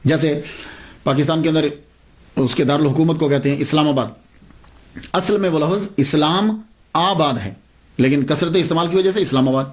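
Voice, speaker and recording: A man's voice: a little high, long pauses, a little mellow. A man telling a saint's story as a sermon, acting out the dialogue with big swings in his voice. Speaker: Islamic preacher.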